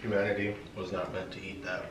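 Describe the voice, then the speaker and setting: Deadpan young man, very noisy room. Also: deep voice, fast talker. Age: young adult. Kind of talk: casual joking chat. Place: home kitchen. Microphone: camera a few metres away. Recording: roomy, distant mic, heavy noise.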